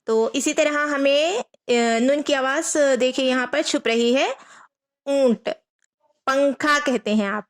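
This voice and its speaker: A woman teaching a Quran reading lesson, patiently repeating each rule, asking her students questions and slowly spelling out letters. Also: high-pitched. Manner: patient, repeats rules and asks rhetorical questions.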